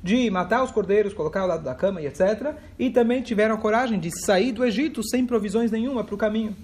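A man teaching a lively text study class, acting out dialogue and mixing in Hebrew phrases. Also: high-pitched, quick pace. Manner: expressive, acts out dialogue, mixes in Hebrew phrases. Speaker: Torah teacher.

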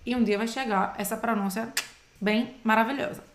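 A woman's voice: on the high side, steady tone, moderate pace, reverberant. A woman teaching French in a patient, explaining way, often checking in with her listeners. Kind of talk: explaining French lesson in Portuguese.

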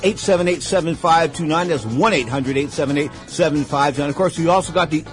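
A man's voice: on the high side, quick pace, soft background music, rough recording. A man hosting a sports radio show, delivering an emphatic, showy boxing monologue with ring-announcer flourishes. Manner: emphatic, showman-like, repeats catchphrases. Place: radio studio.

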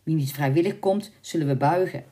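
A woman's voice: sits low, brisk, warm tone, lightly acted. A woman voicing an arrogant, lustful young nobleman in a spoken storybook, with a haughty, demanding manner. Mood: grim.

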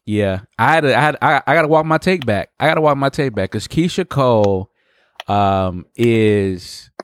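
A man's voice: medium pitch, expressive, normal speed, slight background noise. Man, late twenties, podcast host, laid-back, casual chat. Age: 20s.

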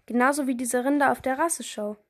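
A woman's voice: fast talker, fairly bright tone. Woman reading as a hesitant neighbor woman. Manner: hesitant, slightly lower. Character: hesitant adult woman neighbor, fond of roses.

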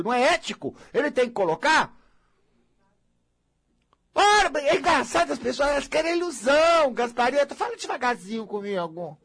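A man's voice: very high-pitched, fairly bright tone, slightly rough. A man with a Brazilian accent giving a blunt, theatrical, scolding talk as a counselor, now and then mocking whiny voices. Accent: Brazilian Portuguese. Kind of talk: blunt motivational monologue.

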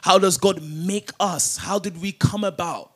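A man's voice: high-pitched, a little slow, slightly rough. A man preaching a sermon, calling for verses to be read aloud and repeating them with rising emphasis. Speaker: pastor. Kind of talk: sermon with call-and-response scripture reading.

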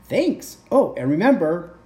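A woman's voice: fairly low pitch, sing-song, measured pace, dark tone, pitched above the performer's own voice. A woman voicing a friendly, trusting bus driver from a picture book in a chatty way. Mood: friendly, instructing. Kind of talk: picture-book character read aloud.

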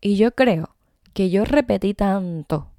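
A woman's voice: medium pitch, slow, warm tone, no room sound, clean studio sound. A young woman hosting a podcast, talking casually to her listeners with lots of fillers and self-corrections. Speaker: podcast host. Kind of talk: casual solo talk to listeners.

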